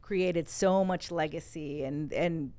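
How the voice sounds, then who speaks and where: A woman hosting a casual interview chat, animated and quick to laugh, giving shout-outs. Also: sits low, no room sound. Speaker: host.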